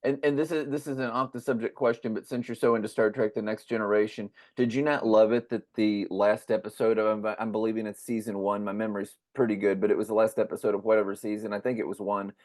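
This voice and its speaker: A man's voice: fairly low pitch, flat delivery, fast, hardly any pauses, a little mellow. A man hosting a podcast, chatting casually and rambling with eager restarts. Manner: rambling, restarts, enthusiastic fan talk. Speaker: podcast host. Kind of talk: casual chat.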